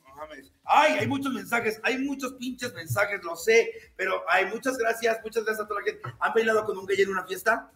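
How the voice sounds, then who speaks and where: A man's voice: high voice, normal speed, hardly any pauses, fairly bright tone, roomy sound. A man with a Mexican accent hosting a live game chat as a drag persona, campy, crude and teasing. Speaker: drag host.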